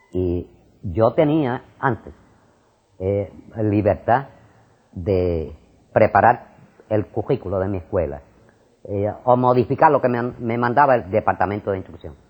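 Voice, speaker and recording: An older Puerto Rican man talks in an animated, rambling way, his voice rising and falling widely and repeating words as he goes. His tone is slightly husky. The recording is dull and lo-fi. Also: on the low side, measured pace. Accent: Puerto Rican Spanish. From Puerto Rico. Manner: animated and discursive, repeats words, frequent fillers. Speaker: interviewee, retired school principal. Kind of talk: casual conversation. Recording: muffled lo-fi recording.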